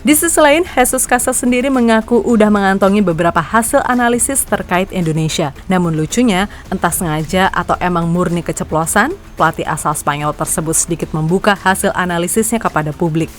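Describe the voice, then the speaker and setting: A woman's voice: lowish voice, fairly quick, hardly any pauses, faint music behind. A woman reading football news as a scripted narration, chatty and opinionated. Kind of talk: scripted narration with casual asides.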